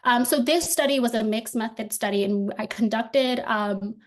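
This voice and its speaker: A young woman from the Dominican Republic presents her research to an online audience through her laptop microphone. Her voice sits a little high, and she speaks in a friendly way with frequent ums. She talks like a doctoral student walking listeners through her slides. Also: moderate pace. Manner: friendly, many filler ums. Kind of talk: academic presentation over video call. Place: indoor room at home. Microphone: laptop webcam on video call.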